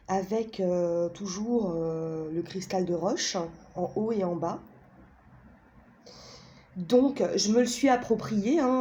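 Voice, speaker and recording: Woman, casual presentation, slow, hesitant, lots of fillers, chatty, self-mocking, mellow tone. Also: lowish voice, slight background noise. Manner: hesitant, full of fillers and tag questions. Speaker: vlogger presenting a pendulum and an oracle deck.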